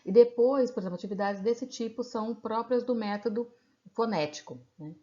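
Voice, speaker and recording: A woman teacher with a Brazilian accent, her voice on the high side and warm, explains a lesson at a moderate pace in a recorded video lecture. She is patient and often tosses in small tag questions to check in. Audio quality is lo-fi and slightly dull.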